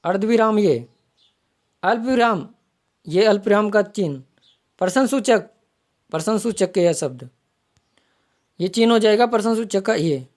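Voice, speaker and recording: A woman's voice: medium pitch, lively intonation, unhurried, long pauses, a little mellow. Woman teaching grammar online. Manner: explanatory, repeats terms while pointing them out. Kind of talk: online exam-prep lesson.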